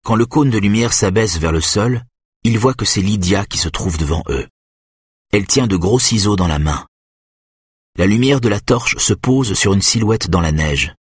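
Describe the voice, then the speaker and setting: Breathy, low-voiced male narrator. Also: animated, normal speed, no echo, studio quality. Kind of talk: scripted audiobook narration.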